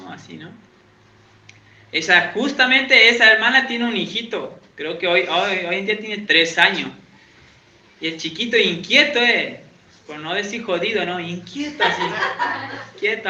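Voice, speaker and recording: In a high, pushed and bright voice, a pastor from Santiago, Argentina leads a conversational evangelical sermon at a church in Uruguay. He questions the congregation and makes fun of himself, and the sound is echoey, dull and lo-fi.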